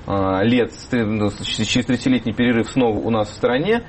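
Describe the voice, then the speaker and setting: A man speaks as a guest on a broadcast talk show. He talks haltingly, with frequent hesitations and restarts. His voice is mid-pitched, with a faint hiss behind it. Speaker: studio guest.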